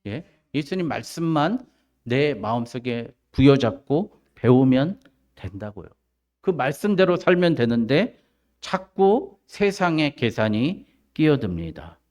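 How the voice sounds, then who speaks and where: A male pastor with a Jeolla accent delivers an emphatic sermon. His pitch swings widely between low, quiet asides and raised exclamations. He drives his points home with rhetorical questions and quick "eh?" prompts. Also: very animated. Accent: Jeolla Korean. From South Jeolla, Korea.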